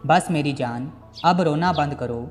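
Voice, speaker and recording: A man's voice: on the high side, measured pace, close to an everyday voice. An earnest, protective young husband, as a male storyteller reads him. His pleading words carry a long reverb, with music running underneath.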